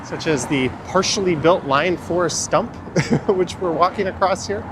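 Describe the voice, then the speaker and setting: Higher-voiced man, sniffling, on noisy street. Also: unhurried. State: sniffling from the cold. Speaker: livestream host. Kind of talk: casual walking livestream commentary. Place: outdoors, walking along a city street in winter. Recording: clear street traffic noise outdoors. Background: traffic and urban street noise.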